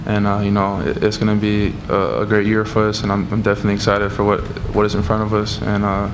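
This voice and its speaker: A young college quarterback speaks at a press table, his low voice barely moving in pitch as he rushes through his answers. He leans on "you know" again and again. A clear hiss of room noise sits under him. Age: young adult. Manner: steady, fills with "you know" often. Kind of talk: post-game press conference answers. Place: press room at a table before a sponsor backdrop. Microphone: table mic on a stand.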